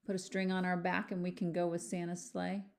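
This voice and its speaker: Reading a children's storybook aloud, this woman teacher is lively and speaks straight to the kids, peppering the story with questions and casual remarks. Her voice is lowish, brisk, and a bit creaky.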